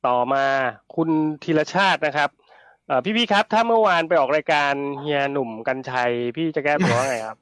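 A man's voice: fairly high pitch, animated, fairly quick, a bit bright, no room sound. A man hosting a casual tech show, reading viewer questions in a chatty, polite manner.

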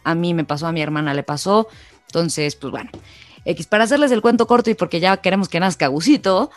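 A woman's voice: lowish voice, brisk, dry recording, faint music behind. A young Mexican woman co-hosting a podcast, telling a personal story in a chatty casual way. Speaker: podcast co-host. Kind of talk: casual chat.

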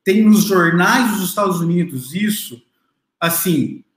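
A man's voice: high-pitched, lively intonation, unhurried. Man lecturing in an echoey room. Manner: explanatory, addresses the audience directly, many fillers and restarts. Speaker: literature lecturer. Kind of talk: classroom lecture. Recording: roomy echo.

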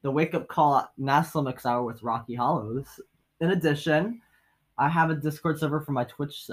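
Jokey podcast host, laughing a lot. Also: male voice, on the high side, moderate pace, poor audio. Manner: jokey, laughs often, talks while eating. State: hiccups. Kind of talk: casual chat.

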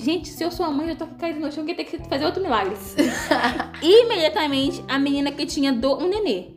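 A woman, casually talking through a Bible story and acting out the quotes playfully. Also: high-pitched. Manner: playful, animated, acts out quotes. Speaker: co-host. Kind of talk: casual Bible study chat.

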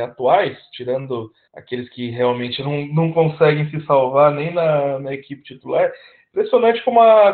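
A man co-hosting a casual sports podcast, halting and repeating words, with sarcastic remarks. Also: on the high side. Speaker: podcast co-host. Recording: tinny phone-like line.

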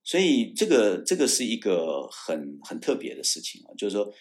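A man from Taiwan, a former military judge advocate, talks as an interview guest. His voice sits fairly low but swings widely in pitch as he acts out the dialogue he quotes. He often restarts a phrase or repeats a word. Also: moderate pace. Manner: animated storyteller who acts out quoted dialogue, shouting the angry lines; frequent restarts and repeated words. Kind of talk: casual storytelling interview.

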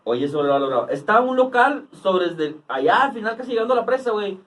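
Joking Mexican man, high lively voice. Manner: joking, crude slang, drawn-out teasing. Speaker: co-host. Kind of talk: casual beer-tasting chat. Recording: voice a bit far from the mic.

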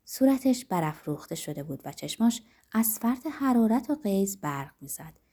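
A woman narrating a novel for an audiobook in a dramatic, expressive reading. Her tone is soft and mellow, and her pitch rises and falls widely.

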